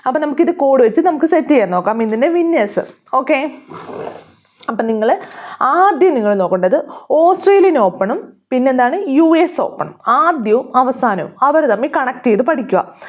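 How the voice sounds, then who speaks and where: A woman's voice: fairly high pitch, muffled recording. A woman teaching an exam-prep lesson, asking questions and answering them herself while repeating key names. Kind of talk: casual explanatory lesson.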